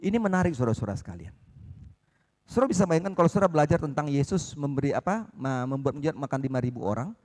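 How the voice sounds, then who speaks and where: Animated male preacher with lively pitch. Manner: animated, rhetorical "ya kan?" asides to the congregation; acts out quoted dialogue in changed voices. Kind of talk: sermon. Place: church service.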